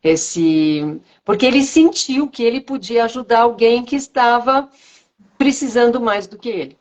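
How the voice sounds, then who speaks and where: A woman guest, a speech therapist, chatting on a video call and telling stories with animated, shifting intonation. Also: fairly high pitch, unhurried. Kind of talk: casual video-call conversation.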